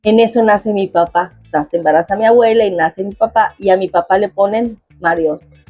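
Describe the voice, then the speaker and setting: A woman's voice: medium pitch, brisk, slightly rough, no echo, phone-quality sound, soft background music. A middle-aged woman with a Mexican accent, chatting casually to viewers in a rambling way, full of asides. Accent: Mexican Spanish. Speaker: cooking vlogger.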